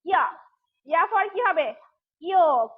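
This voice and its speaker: Woman, phonics teacher, very high voice, drawn-out letter sounds, dull lo-fi recording. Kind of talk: phonics lesson for young children.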